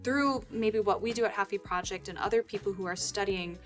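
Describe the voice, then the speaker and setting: A woman co-hosting a casual conversation, thoughtful and animated, often acting out what other people say. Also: medium pitch, fairly quick, soft background music. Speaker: co-host. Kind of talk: casual chat.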